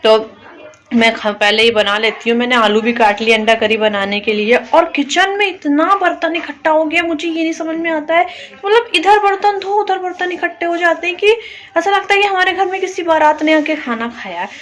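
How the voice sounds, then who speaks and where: A woman's voice: sits high, brisk, a bit bright. Chatty young woman vlogging at home. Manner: chatty, rambling, talks while cooking and doing chores. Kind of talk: casual home vlog chat. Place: home kitchen.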